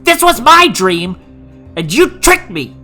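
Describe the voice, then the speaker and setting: A game master voicing a cranky old hag with a walking stick, shouting indignantly in a shrill voice. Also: very animated, takes it slowly, soft background music, full character voice. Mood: outraged.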